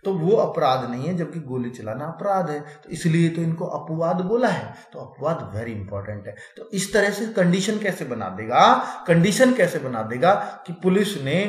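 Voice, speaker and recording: Hindi speaking guy teaching exam stuff, lively up and down voice, echoey room. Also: on the high side, moderate pace, few pauses. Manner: chatty, repeats "ठीक है" often. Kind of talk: casual classroom lecture.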